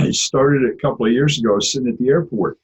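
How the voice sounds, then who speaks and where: Husky-voiced man teaching a religious class. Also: mid-range voice, fast talker. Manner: conversational, tells personal stories. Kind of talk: informal religious lesson. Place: lives in Israel. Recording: dull lo-fi recording.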